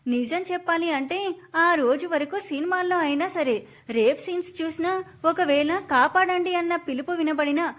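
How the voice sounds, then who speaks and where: A woman narrating a romantic family story in an emotive, expressive storytelling manner. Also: sits high.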